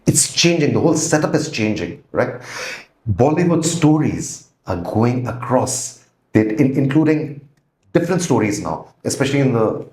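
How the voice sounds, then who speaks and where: Animated middle-aged man in echoey room. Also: mid-range voice, normal speed. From India. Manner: animated, tells stories with acted-out quotes. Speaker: guest. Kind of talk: storytelling interview talk.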